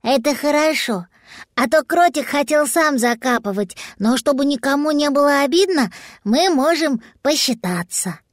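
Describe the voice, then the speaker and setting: A woman voicing a small, trusting boy dragon in a storybook reading, speaking with slow childlike earnestness. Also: sits high, expressive, no echo, clean studio sound, pitched above the performer's own voice.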